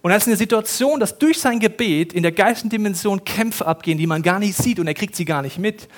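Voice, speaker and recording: A middle-aged man preaching a sermon in a casual, slangy way, talking straight to the congregation and acting out quotes with sudden loud rises. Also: sits high, fast talker. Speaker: pastor.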